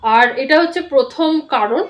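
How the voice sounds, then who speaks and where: Woman with a Bengali accent, high voice, patient teacher, slow syllable-by-syllable spelling for children. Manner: asks "ঠিক আছে?" with a sharp rise in pitch. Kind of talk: children's reading lesson.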